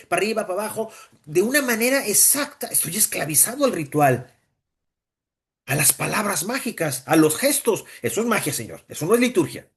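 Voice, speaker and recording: Priest guy giving a loose teaching talk, middle-aged, animated, repeats himself a lot, voice jumps all over. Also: high voice. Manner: animated, acts out voices, frequent repetitions.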